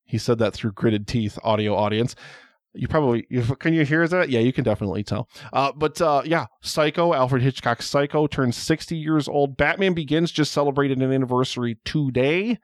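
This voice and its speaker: A man's voice: mid-range voice, normal speed, no room sound, clean studio sound. A man hosting a podcast in casual chat, rambling, joking and swearing as he talks about films. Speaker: podcast host.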